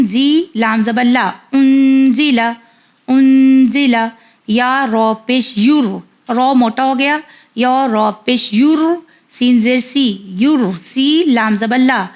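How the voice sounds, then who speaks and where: A woman teaching Quran reading to children, spelling out syllables one by one, repeating them and correcting common mistakes. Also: sits high. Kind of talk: slow spelled-out recitation lesson.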